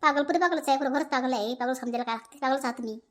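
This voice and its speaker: A woman voicing a sulky young wife who dodges chores in a cartoon, with a Vidarbha Marathi accent, talking back quickly and indignantly. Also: fairly bright tone. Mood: defiant. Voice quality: shrill and high. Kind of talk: cartoon voice acting.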